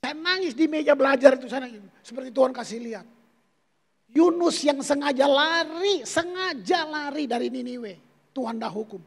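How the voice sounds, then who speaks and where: A man's voice: very high voice, expressive, normal speed, vocal fry. Preaching man in a reverberant church. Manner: storytelling preacher addressing congregation as "saudara". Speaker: pastor. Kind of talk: sermon. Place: church sanctuary. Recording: long church hall reverb.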